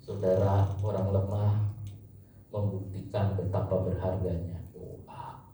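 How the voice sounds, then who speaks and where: A man's voice: sits low, little pitch movement, slow, warm tone, slight background noise. A man preaching a sermon as pastor, speaking emphatically and often addressing his congregation directly. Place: church hall. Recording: echoey church hall from far off, faint ambience.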